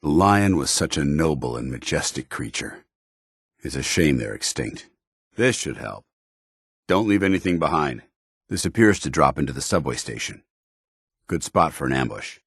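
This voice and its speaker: An extremely deep, husky-edged voice belongs to a stern, principled soldier, delivering video game companion lines with the formal earnestness of a commander devoted to his order. Recorded close and dry, no echo, his exaggerated, expressive and slightly bright delivery moves at a moderate pace with long pauses, watchful and businesslike.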